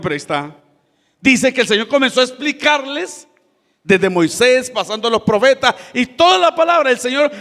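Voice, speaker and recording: A man with a high voice preaches a sermon and explains the scripture in plain terms, speaking to his listeners as brothers. His words ring out with a long reverb, as in a church hall. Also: fairly bright tone.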